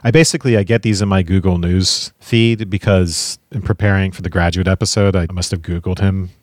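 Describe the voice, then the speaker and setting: A man with a very low, deep voice talks through his thoughts on films in a relaxed podcast chat, circling back and restarting as he goes. The sound is close and dry, with no room around it. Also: brisk, dry recording. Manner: musing, thinks aloud with restarts. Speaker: podcast co-host. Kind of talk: casual chat about films.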